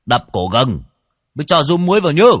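Guy doing a loud bossy old shaman, yells orders, bouncy pitch, dry. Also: very animated, a little fast, no room sound. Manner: barking orders, blustery.

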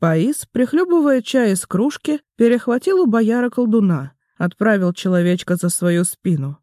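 A man reading a fantasy audiobook aloud in a measured, even storytelling manner. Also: high-pitched, no echo, studio quality. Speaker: audiobook narrator. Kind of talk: scripted fantasy narration.

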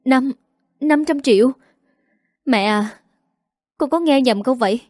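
Woman doing a gentle, worried young daughter. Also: a little high, measured pace, no echo, studio quality, lightly acted. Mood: pleading. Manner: gentle, pleading.

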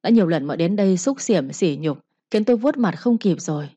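Woman doing a shrill wailing scheming concubine. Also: animated, brisk, warm tone, husky, dry recording. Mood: accusing. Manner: shrill, whiny pleading.

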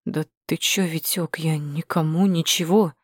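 A cowardly male petty crook, nervous and stammering, with a shrill squeal, as a woman puts him on. The reading is dry and close, from an audiobook. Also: animated, moderate pace, dry recording, close to an everyday voice. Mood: frightened.

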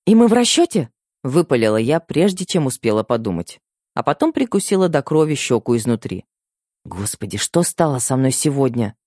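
A male narrator reads a novel aloud with lively, expressive intonation. The recording is close and dry, with no room sound. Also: mid-range voice, normal speed, no room sound. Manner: expressive storytelling. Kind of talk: audiobook narration.

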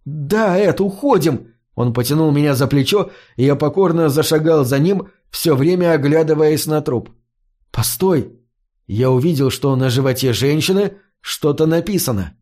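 A man narrating a first-person fantasy audiobook in a measured, somber storytelling manner. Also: on the high side, a little mellow.

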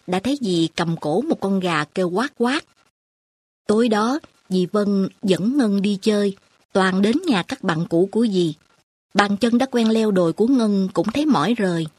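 A woman tells a story in a steady, unhurried reading voice. Her tone is a little husky, and the sound is close and dry. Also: medium pitch, no room sound. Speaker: narrator. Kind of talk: storytelling narration.

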